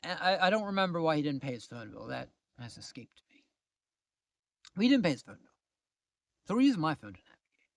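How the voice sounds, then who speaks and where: Man, storytime vlog, lively swooping voice, slightly high, dead dry close mic, exasperated. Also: a little fast, creaky, long pauses, no room sound. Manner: animated, exasperated storytelling, drops to low mutters. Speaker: vlogger. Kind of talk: casual storytime.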